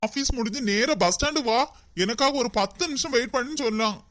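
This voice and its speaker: High-pitched cartoon young men, voiced by a man, trading teasing, melodramatic banter in a Kanyakumari Tamil accent. The sound is close and dry. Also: quick pace, a bit bright, no room sound. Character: two bickering young brothers-in-law.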